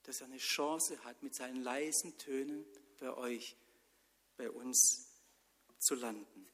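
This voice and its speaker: A man preaching a sermon in church, telling stories and swinging between loud lines and whispers. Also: mid-range voice, takes it slowly. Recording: long church reverb.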